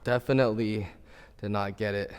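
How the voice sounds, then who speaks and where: A man's voice: lowish voice, fairly even intonation, moderate pace, clear, resonant tone. A young man talking casually in an informal, slangy way, vlogging his workout in a gym. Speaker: fitness vlogger. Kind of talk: casual workout vlog talk.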